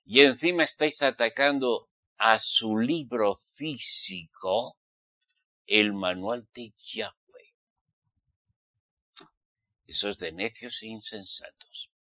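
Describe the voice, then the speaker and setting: In a muffled recording with no room sound, a Basque man from Spain preaches slowly, pausing often, his lowish voice pushed and bright. Speaking with a Spanish accent, he delivers a fervent, scolding sermon and poses rhetorical questions to those listening.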